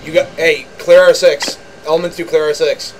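A man's voice: on the high side, flat delivery, normal speed, a crowd in the background, poor audio. A man giving terse, directive tactical calls to teammates as flight leader in a flight sim game. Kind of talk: tactical gameplay voice chat. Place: online voice chat over a flight simulator.

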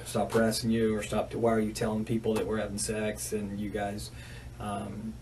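A man's voice: on the low side, monotone, moderate pace, a little mellow. An American man questioning as a police detective, methodically repeating details back. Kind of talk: interrogation questioning. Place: small bare interview room, indoors. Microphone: distant room camera. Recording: distant, noisy surveillance recording.

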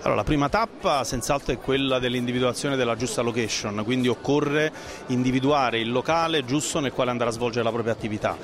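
A middle-aged franchise consultant, interviewed at an indoor trade fair stand, explains a business into a handheld microphone. His mid-range voice moves at a quick pace, with a crowd and background music audible behind him.

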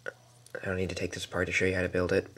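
A man with a very deep voice talks through a build step by step, pausing and muttering as he goes. It is recorded on a camera mic at a home table. A clear hiss of background noise sits under his voice. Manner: relaxed, halting, lots of fillers and mild mutters. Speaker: toy building tutorial maker. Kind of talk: casual step-by-step build instructions. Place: indoors at a table.

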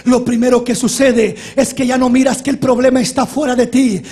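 A man's voice: very high voice, flat delivery, fairly quick, darkish tone, husky. A man pastor giving an impassioned sermon and acting out the complaints he quotes.

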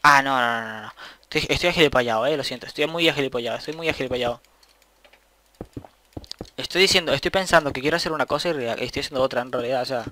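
A young gaming channel host rambles casually to himself as he comments on his gameplay, swearing at the game now and then. His mid-range voice is pushed and bright, fast but with long pauses.

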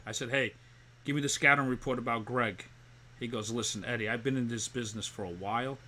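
Over a video call on a laptop webcam, a talk show host interviews someone casually from a dim room at home, asking questions in a chummy, easygoing manner. His medium-pitched voice is brisk and sharp, with a bit of hiss or hum on the audio.

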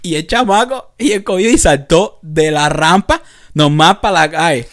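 A young man from Cuba with a Havana accent, telling lively anecdotes on a casual podcast with lots of street slang. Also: a little high, normal speed. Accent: Cuban, Havana. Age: young adult. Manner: animated anecdotes with frequent laughter and street slang. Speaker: podcast co-host. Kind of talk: casual chat, storytelling.

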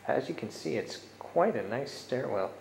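A man's voice: medium pitch, animated, moderate pace, gravelly, echoey room, low-quality recording. A man with a nasal voice giving a joking, casual walking tour of a stairwell and street, filmed on a handheld camera. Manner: joking, teasing commentary while walking. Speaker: vlogger touring a friend's home. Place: apartment stairwell then city street. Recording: loud street and ambient noise.

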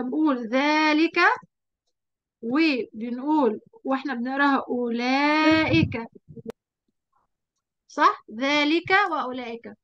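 High-voiced Egyptian woman teaching, dull dry sound. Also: a bit bright. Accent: Egyptian Arabic. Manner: quizzes the pupil and draws out words slowly. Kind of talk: classroom lesson at a whiteboard.

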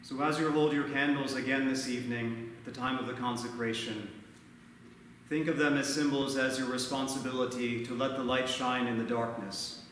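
A man in his thirties, a priest giving a measured, earnest sermon at a lectern, recorded from far off in a large church. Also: medium pitch, fairly even intonation, a bit bright, very echoey, big-room sound, slight background noise. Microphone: far camera, no mic seen.

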